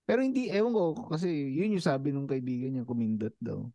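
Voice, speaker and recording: A man's voice: medium pitch, brisk, mellow, no echo. Married man telling a spooky school story. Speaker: podcast co-host. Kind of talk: casual chat, storytelling.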